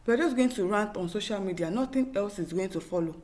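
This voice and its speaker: A woman with a Nigerian accent runs an opinionated news commentary, reading viewers' comments at a quick pace in a mid-range, slightly mellow voice. Exasperated and emphatic, she repeats herself and fires off rhetorical questions.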